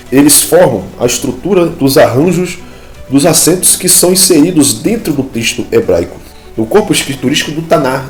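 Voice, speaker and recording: A man giving a lesson on Biblical Hebrew grammar. He explains step by step, checks in with listeners often and points at text on screen. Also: medium pitch. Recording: echoey room, faint music behind.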